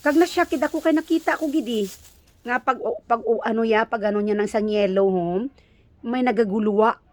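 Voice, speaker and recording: A woman with a Filipino accent chatting casually to her viewers as a vlogger, often halting and repeating words as she searches for the next one. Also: on the high side, a little mellow, no echo. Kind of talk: casual vlog chat to viewers.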